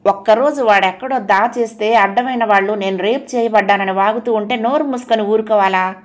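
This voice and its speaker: A woman narrator voicing a defiant young woman student who shouts indignantly. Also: mid-range voice, fairly quick, lightly acted. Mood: furious.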